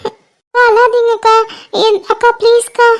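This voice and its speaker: A woman's voice: very high voice, little pitch movement. A woman voicing an anxious younger girl who keeps reassuring her sister in a cartoon. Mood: anxious soothing. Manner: soothing, hurried reassurance. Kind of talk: cartoon voice acting.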